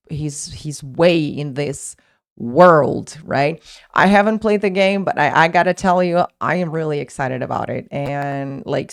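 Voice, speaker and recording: A young woman with a low voice, whose first language is Portuguese, teaches English in a casual online lesson. She's chatty, with many fillers and restarts.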